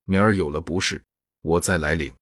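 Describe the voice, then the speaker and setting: Sulky old nursemaid, male reader, scolding, deep and husky. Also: steady tone, a little fast, dry recording, clean studio sound. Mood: huffy. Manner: scolding, huffy.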